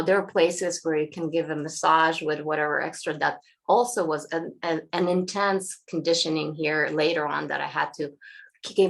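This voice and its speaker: A woman from Eastern Europe telling her story frankly as an interview guest, halting, losing her voice and clearing her throat. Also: sits low, a bit bright. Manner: frank, halting, many restarts. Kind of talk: candid personal storytelling.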